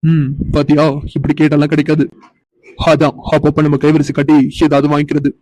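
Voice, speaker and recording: A man's voice: a little high, completely flat delivery, brisk, a little mellow, no room sound, natural voice. A man voicing a teasing cartoon husband.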